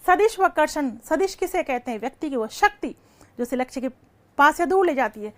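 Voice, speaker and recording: High-voiced woman teacher lecturing live. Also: lively intonation, brisk. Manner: asks questions then answers them herself; calls students "beta" affectionately. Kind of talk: live online class lecture.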